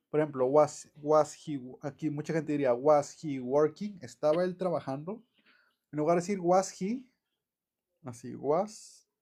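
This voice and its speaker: A man giving a casual online English grammar lesson, chatty and relaxed, with many fillers and self-corrections. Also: a little high. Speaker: English teacher.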